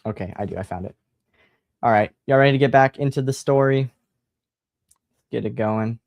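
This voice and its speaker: A man's voice: medium pitch, normal speed, creaky, dry recording, studio quality. Laid-back man reading a horror book. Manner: relaxed, sighing, laid-back. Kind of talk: casual livestream chat and book reading.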